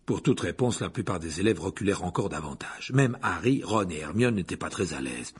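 A man narrating an audiobook in an expressive storytelling manner. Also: sits low, a little fast, slightly rough. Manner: expressive storytelling, voices the characters.

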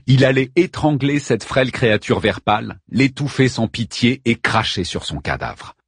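A man narrating an audiobook in an expressive, measured reading voice. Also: medium pitch, husky, no echo, studio quality. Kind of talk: scripted narration.

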